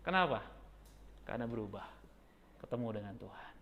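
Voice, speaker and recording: A man, a pastor preaching a sermon with lively storytelling that jumps to a high, excited pitch. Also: fairly quick, highs cut off, a little hiss or hum.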